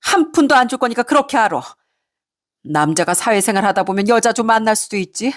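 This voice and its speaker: Woman doing a shrill, yelling older mother-in-law. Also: natural voice. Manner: yelling, scolding, demanding.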